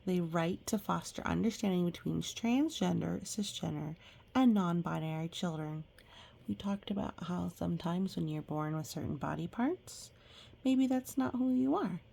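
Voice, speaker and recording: Speaking at a moderate pace in a lowish voice with vocal fry, a woman reads aloud from a picture book. She mixes in chatty asides and expressive reactions, gently explaining things as though for young children.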